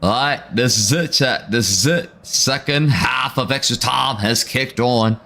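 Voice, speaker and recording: A watchalong stream host covers a live football match, speaking casually to his chat in slang and reading out viewer comments in between reactions. His voice is medium in pitch, unhurried and sharp in tone.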